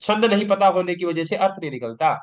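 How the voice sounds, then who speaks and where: A man's voice: high voice, expressive, fast. A man teaching a recorded yoga exam-prep lecture, explaining patiently and often asking and answering his own questions. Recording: dull lo-fi class recording.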